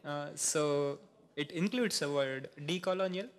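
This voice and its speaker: A man's voice: a little high, unhurried, clear, resonant tone. A man answering from the audience, hesitant and full of fillers. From India. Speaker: audience member.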